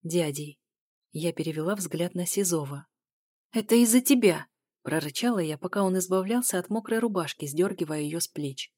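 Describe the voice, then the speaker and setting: A woman reading first-person narration for an audiobook in a steady, even storytelling manner, on a close microphone. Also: fairly low pitch, fairly quick, few pauses, no echo.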